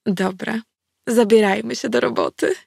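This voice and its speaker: A woman's voice: on the high side, fairly even intonation, normal speed, gravelly, darkish tone, breathy edge, no room sound, studio quality, pitched above the performer's own voice, heavily acted. A woman voicing a blunt, bored ancient war goddess. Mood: offhand. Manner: offhand, blunt.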